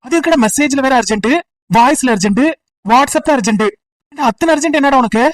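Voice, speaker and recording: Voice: sits high, fairly quick, recorded from a distance, lightly acted. A voice actor doing a cursing, fed-up young guy. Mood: exasperated. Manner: shouting insults, exasperated. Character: angry young male student, blunt and cursing. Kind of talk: comic voice acting.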